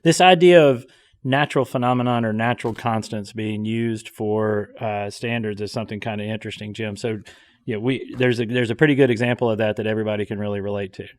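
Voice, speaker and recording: A man's voice: on the low side, steady tone, brisk. A man hosting a podcast, chatting casually and explaining with enthusiasm and frequent fillers. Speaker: podcast host.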